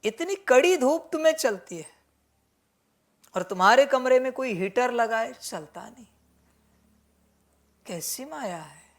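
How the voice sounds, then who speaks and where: Woman preacher, slow and gentle scolding, calls everyone kids, keeps repeating herself. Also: on the high side, lively intonation. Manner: gently admonishing, repeats the same points; mixes English words into Hindi. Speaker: spiritual teacher. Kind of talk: spiritual sermon addressing listeners as children.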